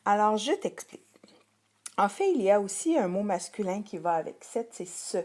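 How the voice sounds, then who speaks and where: A middle-aged woman with a Québécois French accent, teaching children a vocabulary list slowly and patiently, repeating each word carefully. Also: mid-range voice, very animated, a little mellow.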